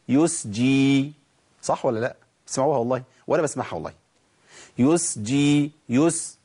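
Male recitation teacher, Egyptian accent, quick talker with a husky edge, self-questioning lesson style. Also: medium pitch, darkish tone. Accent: Egyptian Arabic. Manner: asks and answers his own questions, slowly drawn-out recited examples. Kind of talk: tajweed lesson.

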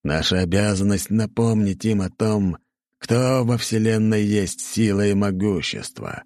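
A man voicing a wrathful, proud demon king who speaks in slow, booming proclamations. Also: a little mellow, no room sound. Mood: rousing.

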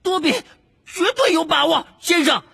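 A shrill squeaky house-elf, Dobby. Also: male voice, lively intonation, a little slow, vocal fry, sharp tone, exaggerated voice. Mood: earnest. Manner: shrill, insistent, pleading. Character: squeaky excitable male house-elf servant.

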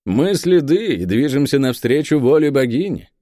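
A man reading an audiobook voices a calm, devout warrior who speaks gravely about prophecy. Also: medium pitch, normal speed, no echo, studio quality, voice pushed up, lightly acted. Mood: solemn. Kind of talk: audiobook character voice.

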